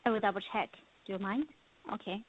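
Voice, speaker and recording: A woman with a Chinese accent, a native Mandarin speaker, talks fast in a mid-range voice as a company representative on a conference call, answering questions and interpreting. The telephone audio is dull and lo-fi.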